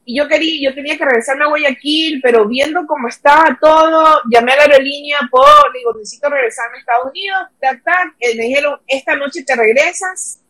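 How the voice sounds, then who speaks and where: A woman in her forties with an Ecuadorian Spanish accent, a guest on a talk show, telling long lively stories and quoting her own words along the way. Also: sits high, brisk, few pauses, poor audio. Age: 40s. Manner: lively storyteller, quoting herself in long anecdotes. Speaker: guest, human rights activist. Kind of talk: casual chat.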